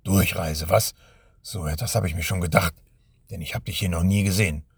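A man voicing a menacing older male robber with a smoky, gruff voice and a taunting manner. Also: sits low, steady tone, a little fast, no room sound, full character voice. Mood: sneering. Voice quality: smoky, gravelly.

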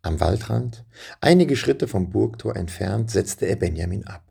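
A man calmly reading a storybook aloud as a scripted narration. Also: fairly low pitch, a little slow, gravelly, breathy edge.

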